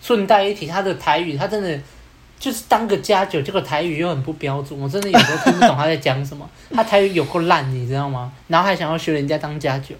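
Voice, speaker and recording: A man's voice: a little high, fast, a little hiss or hum. A man with a Taiwanese Mandarin accent telling a story in casual podcast chat, chatty with hesitant fillers. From Taiwan, Kaohsiung. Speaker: podcast host.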